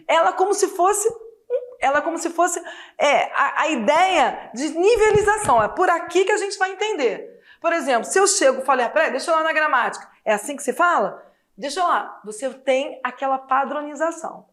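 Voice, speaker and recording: A woman with a Brazilian Portuguese accent, a Portuguese teacher giving a lively, chatty exam-prep lesson full of rhetorical questions. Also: high-pitched.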